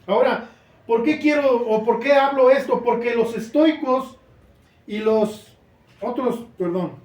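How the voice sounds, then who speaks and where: A man's voice: very high-pitched, measured pace, a little mellow. A man preaching a sermon as pastor in a church, earnest and building to emphatic questions. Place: church hall. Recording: roomy church sound from a distant mic.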